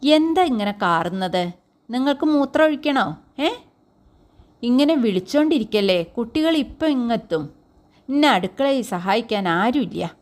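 A harried middle-aged wife snaps back at her husband, her words tumbling out quick and high in a sharp, scolding storybook voice, as a woman reader puts her on. She sounds too busy to listen. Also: lively intonation. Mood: irritated.

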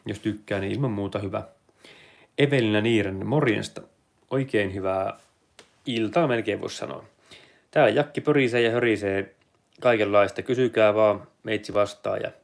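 A man hosting a casual livestream, reading viewer comments aloud and answering them in a relaxed, chatty way. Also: on the low side, gravelly. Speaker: livestream host answering chat. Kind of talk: casual live chat.

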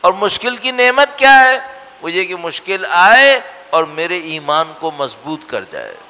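An earnest man gives a religious lecture in a fairly high, bright voice that rings with a long reverb through a lecture hall. He presses his audience with rhetorical questions before dropping into hushed, soft lines. He is very animated yet unhurried.

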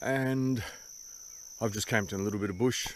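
A solo bicycle touring vlogger, a man in his sixties with a broad New Zealand accent, rambles casually to camera in open bushland, laid-back, drily funny and freely swearing. His voice is fairly low at a normal speed, with outdoor noise and insects behind him.

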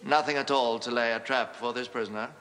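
An actor playing a shrewd male defense barrister in a period film, questioning a witness with mock politeness that rises to loud demands. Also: mid-range voice, fairly even intonation, fast talker, close to an everyday voice. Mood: probing.

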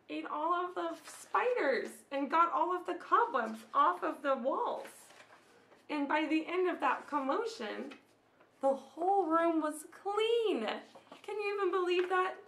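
Reading a picture book aloud to children, a woman in her thirties uses a high, pushed, bright voice, full of expression and dotted with small questions and asides. She is a children's storyteller, recording indoors in a small home room that sounds a bit echoey, with a little hiss or hum present.

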